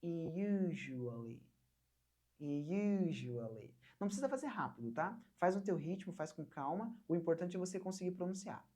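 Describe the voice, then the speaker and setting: A young woman from Brazil teaching an online English lesson, patiently repeating words slowly for learners to copy. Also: lowish voice, lively intonation, darkish tone, husky.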